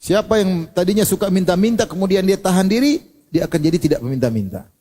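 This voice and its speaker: A male preacher delivers a sermon with a slightly raised pitch. His tone is warm and mellow. He keeps it light with humor and rhetorical questions. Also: expressive, quick pace. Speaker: Islamic preacher.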